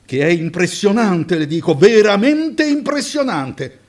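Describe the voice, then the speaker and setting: Male reader doing a scolding fifty-year-old woman, high and shrill, loud, full of outrage. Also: sing-song, unhurried, full character voice. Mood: indignant. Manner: sharp, scandalized outbursts.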